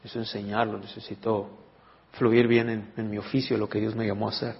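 Husky male pastor in a reverberant church. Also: on the low side, level tone, brisk. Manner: teaching, asks the congregation questions. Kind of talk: sermon. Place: church hall. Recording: dull recording with long reverb.

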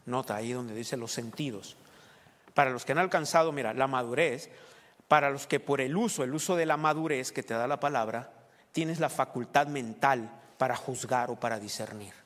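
A man preaching at a pulpit microphone in a church sanctuary, his voice sitting at an ordinary middle pitch. He teaches from scripture and keeps pointing the congregation back to the text. A long reverb hangs behind every word. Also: normal speed, a bit bright. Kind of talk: sermon.

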